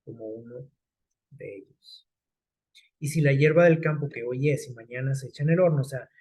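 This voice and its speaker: A man preaching a sermon, explaining scripture in a conversational way with everyday examples and rhetorical questions, slowing down when he quotes it. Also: on the high side, dark tone, slightly rough, poor audio.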